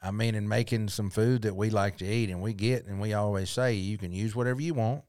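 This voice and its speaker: A man's voice: fairly low pitch, fairly even intonation, fairly quick, darkish tone, clear, resonant tone. Folksy Southern man hosting a podcast. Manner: folksy storytelling. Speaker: podcast host. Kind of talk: casual podcast chat.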